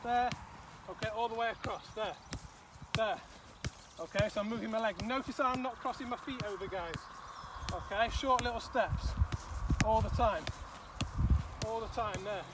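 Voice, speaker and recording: A man's voice: high-pitched, moderate pace, long pauses. A man coaching a football drill outdoors, explaining and demonstrating with frequent "okay" and "all right". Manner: instructive, repeats okay and all right often. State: out of breath at times. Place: outdoor pitch. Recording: distant mic, outdoor noise.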